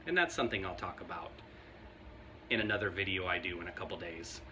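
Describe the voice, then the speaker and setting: Guy chatting to his viewers, lowish voice, bright and punchy, rambles and laughs a lot. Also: quick pace, slight background noise. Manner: conversational, rambling, laughs often. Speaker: vlogger. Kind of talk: casual commentary to camera.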